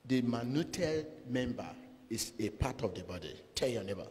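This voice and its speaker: Middle-aged male pastor, sermon, very lively pitch, handheld mic, long reverb of a large church hall. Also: moderate pace. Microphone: handheld microphone. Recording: long hall reverb, faint room noise.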